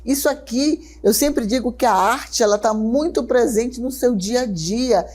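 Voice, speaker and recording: A woman teacher with a Brazilian Portuguese accent, giving a televised lesson, talking quickly and checking in often with her students. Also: fairly high pitch, a little mellow. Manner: talks fast, checks in often with "certo?" and "né?"; slows right down to guide a breathing exercise.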